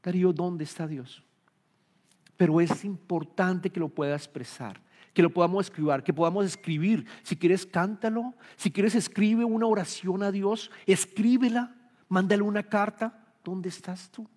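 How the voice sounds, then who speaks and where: A man's voice: high voice, normal speed, darkish tone. A man preaching a sermon as pastor, earnest, acting out quoted prayers in a pleading voice, with many restarts of his words. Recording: long hall reverb.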